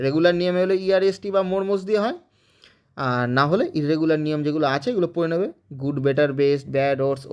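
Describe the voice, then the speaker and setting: A man's voice: fairly high pitch, darkish tone. A man teaching English grammar in Bengali with a West Bengal accent, explaining step by step and checking in with students. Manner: explains step by step with frequent "okay?" check-ins. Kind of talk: spoken grammar lesson.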